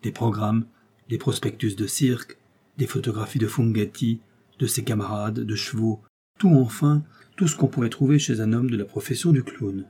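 A man reading a novel aloud in measured, steady scripted narration. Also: lowish voice, slightly rough. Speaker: audiobook reader.

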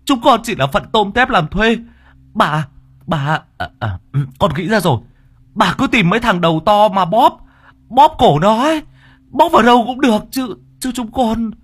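A man's voice: high voice, lively intonation, moderate pace, fairly bright tone, husky, pitched above the performer's own voice, heavily acted. A man voicing a panicky, cheeky young male laborer who stammers and talks frantically. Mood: wheedling.

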